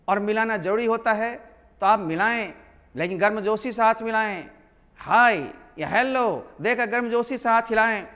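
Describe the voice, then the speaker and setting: High-voiced man teaching English. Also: fairly bright tone, clean tone, big-room sound. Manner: instructive, repeats and drills example sentences. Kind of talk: classroom lesson.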